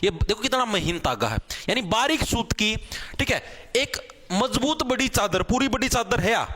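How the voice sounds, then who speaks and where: High-voiced Haryanvi teacher explaining to students. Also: male voice, sing-song, moderate pace, sharp tone, slight background noise. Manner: repetitive, addresses students as bhai, checks with "theek hai"; shows cloth samples while explaining. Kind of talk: exam-prep general knowledge lesson.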